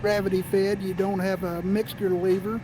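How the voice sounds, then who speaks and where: A man's voice: sits high, level tone, moderate pace. A man chatting casually with fellow players during a flight simulator session. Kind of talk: casual chat while flying in a flight simulator. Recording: noisy voice chat with engine drone.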